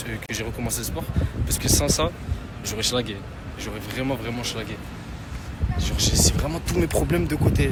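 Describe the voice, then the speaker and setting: Man talking candidly over loud traffic. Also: medium pitch. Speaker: vlogger. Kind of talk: confessional casual chat.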